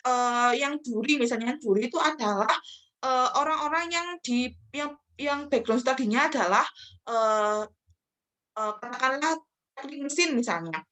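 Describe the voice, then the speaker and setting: A woman's voice: high voice, pushed and bright. A young woman giving a casual webinar talk, chatty, with many fillers and restarts. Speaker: webinar speaker on public speaking.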